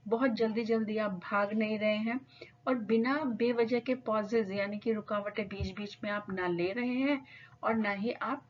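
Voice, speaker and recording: A woman teacher lecturing students in a clear, explanatory way, mixing English terms into her speech. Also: mid-range voice, slight background noise. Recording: slightly dull lo-fi audio.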